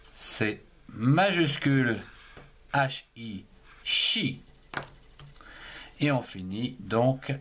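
A man's voice: mid-range voice, a bit bright. A man with a French accent teaching a handwriting lesson, spelling words out one letter and syllable at a time.

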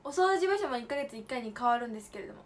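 A young woman with a high, light voice chats with her stream viewers. She tells her stories playfully and leans hard on her punchlines. She slips easily between polite phrasing and casual slang. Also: expressive, very fast. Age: late teens. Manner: chatty storytelling with playful emphatic asides. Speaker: idol livestream host. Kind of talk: casual livestream chat.

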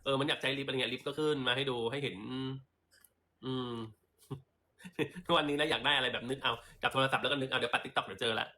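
A man's voice: medium pitch, steady tone, quick pace, sharp tone. A man chatting sassily on a livestream while selling lipstick, with theatrical asides. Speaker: livestream seller. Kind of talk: casual livestream sales chat.

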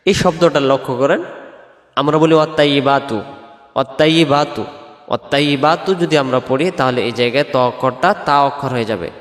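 A man teaching the pronunciation of a prayer, explaining each sound and then chanting the words slowly. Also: mid-range voice, a bit bright. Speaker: religious teacher. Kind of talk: pronunciation lesson with slow chanted recitation. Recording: echoey room with long reverb.

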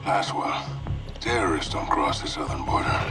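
An actor playing a wry, self-assured colonel in a military game, speaking in a measured way. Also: male voice, a bass voice, lively intonation, over loud music. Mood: wry, serious. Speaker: army colonel. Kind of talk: military game briefing dialogue.

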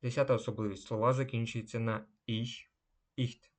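A man giving a slow language lesson. He says each German word a little louder, then gives its translation. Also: medium pitch, flat delivery. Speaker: German teacher.

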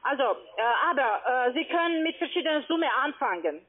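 A call-centre saleswoman pitches trading on the phone in an animated way, though her speech is halting and she repeats and rephrases while explaining. German is not her native language, and her accent is foreign. The line is narrow-band and tinny.

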